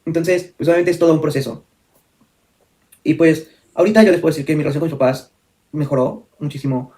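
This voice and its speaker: A young man recounts a personal story to his viewers. He rushes through it at a quick clip, candid and a little rambling, correcting himself as he goes. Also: fairly high pitch, steady tone, mellow. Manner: fast, candid, full of fillers and self-corrections. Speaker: vlogger.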